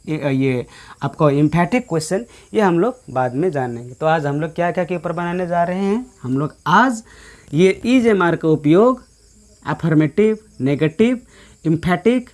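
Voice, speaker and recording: A man's voice: fairly high pitch, normal speed, darkish tone. A man teaching an English grammar lesson, explaining in Hindi mixed with English and asking his listeners rhetorical questions. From India. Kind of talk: grammar lecture.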